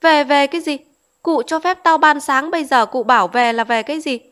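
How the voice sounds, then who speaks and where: A woman's voice: on the high side, moderate pace, fairly bright tone, natural voice. A woman reading aloud voices a proud, feverish young bride who answers back sharply and indignantly.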